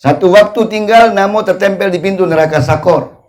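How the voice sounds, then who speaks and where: A man's voice: high-pitched, brisk, darkish tone. A man preaching with a Palembang accent, joking in a colloquial sermon and drawing out chanted invocations to God. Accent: Palembang Malay. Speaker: ustadz preacher. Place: religious study gathering.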